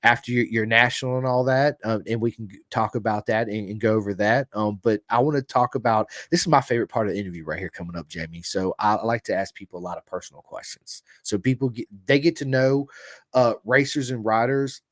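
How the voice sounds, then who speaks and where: A man's voice: lowish voice, fairly even intonation, quick pace, no room sound. A man hosting a podcast interview, enthusiastic and chatty, often repeating himself and restarting his sentences. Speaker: podcast host. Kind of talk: casual interview.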